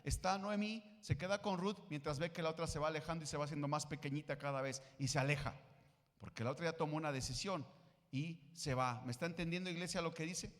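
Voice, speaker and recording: A man's voice: fairly high pitch, fast talker, in a large hall. A man preaching a sermon as pastor, often asking his congregation questions and acting out the lines of the biblical women. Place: church sanctuary.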